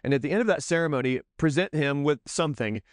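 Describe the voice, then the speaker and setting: A middle-aged man speaks to fellow parents in a casual, teacherly way, earnest and rambling, frequently pausing to correct himself. His voice is a little high and quick, captured in studio quality with no room sound.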